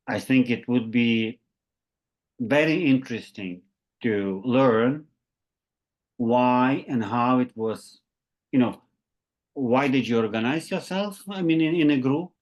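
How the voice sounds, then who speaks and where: A man in his forties moderating a webinar from a room with bookshelves, speaking haltingly with many fillers into his laptop webcam. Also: medium pitch. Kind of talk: moderating questions. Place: home room with bookshelves, indoors. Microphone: laptop webcam on a video call.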